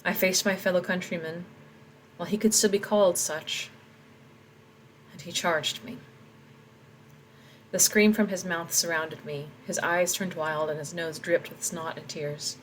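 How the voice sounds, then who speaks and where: Low-voiced woman reading her own story. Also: fairly even intonation, a little slow, long pauses, a little hiss or hum, poor audio. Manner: reflective, talks through her edits. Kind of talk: reading aloud and commenting on edits.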